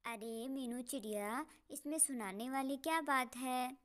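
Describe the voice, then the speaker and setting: A preachy, hardworking cartoon sister bird nags and lectures in a fairly high, slow voice, as a woman voices her. She sounds like a cartoon elder sister. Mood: scolding.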